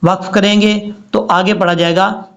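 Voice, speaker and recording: Man teaching recitation, kinda high voice, stretches each word out slow then explains quick, dull lo-fi sound. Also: little pitch movement, creaky, fairly bright tone. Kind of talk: recitation lesson.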